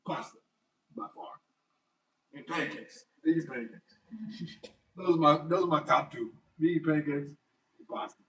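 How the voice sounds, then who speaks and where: A man's voice: fairly high pitch, unhurried, long pauses, fairly bright tone, distant mic, rough recording. Man, young adult, casual livestream talk, answering viewer comments, slightly raised voice, a bit away from the mic. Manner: reads out viewer comments and answers them chattily. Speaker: fitness livestreamer.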